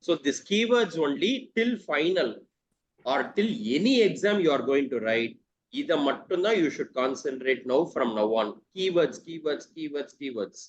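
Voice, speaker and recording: A man's voice: a little high, lively intonation, fast talker. A man with a South Indian Tamil accent teaching an exam class, mixing Tamil and English, repeating key terms and asking checking questions. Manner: switches between English and Tamil. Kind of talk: interactive exam coaching lesson. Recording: dull, lo-fi online class audio.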